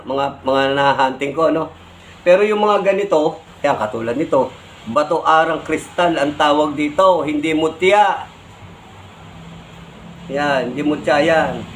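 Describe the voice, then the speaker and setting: A Filipino man with a fairly high voice lectures to his camera, pressing his points and tagging them with quick questions. Faint background noise sits under his talk. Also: poor audio. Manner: lecturing, repeats "no?" and "di ba?" as tags. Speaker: vlogger. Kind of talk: scolding explanation to camera.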